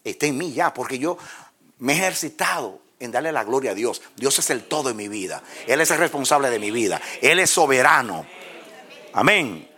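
Animated preacher man. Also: normal speed, husky. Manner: animated storytelling, acts out dialogue with God and the devil; swings from low murmurs to high cries. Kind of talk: sermon.

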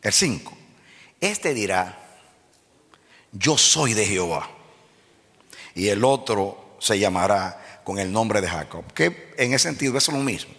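A man preaching a sermon to a congregation, moving between low explanation and shouted peaks and asking the listeners direct questions. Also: animated, slow, long pauses. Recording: long hall reverb.

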